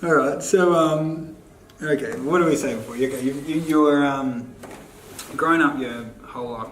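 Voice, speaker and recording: A man interviewing a friend, asking laid-back, halting questions and laughing often. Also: mid-range voice. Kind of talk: casual chat. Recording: echoey room with crowd noise.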